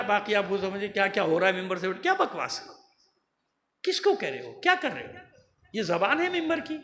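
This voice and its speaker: A man's voice: very high-pitched, bright, forceful tone. A man, a cleric, delivering an emphatic, admonishing sermon at a religious gathering into a microphone in a large prayer hall. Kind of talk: Muharram majlis sermon. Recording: roomy hall with faint hum.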